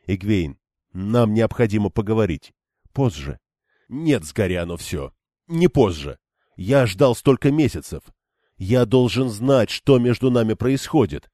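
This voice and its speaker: A man's voice: fairly low pitch, lively intonation, measured pace, mellow, dry recording, studio quality. Man playing a stubborn young swordsman. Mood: insistent. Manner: earnest, pressing.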